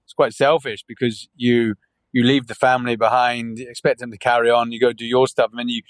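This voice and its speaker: A man's voice: mid-range voice, flat delivery, brisk, dry recording, rough recording. British man, forties, casual interview guest, rambling, dry close sound. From United Kingdom. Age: 40s. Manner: rambling, many restarts, frequent "yeah" and "you know". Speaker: podcast guest.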